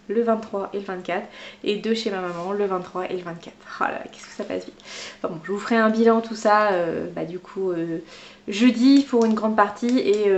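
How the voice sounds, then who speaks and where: A woman's voice: mid-range voice, darkish tone, slight background noise. A woman vlogger, a teacher by trade, chatting casually and spontaneously as she unboxes small gifts.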